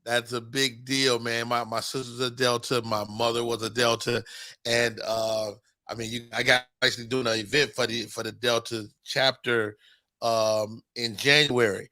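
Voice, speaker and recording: An excitable man hosts a casual interview, cracking jokes and stumbling over his words. His voice is bright and forward. The sound is dry and close to the mic. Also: mid-range voice, normal speed, no room sound. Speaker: host.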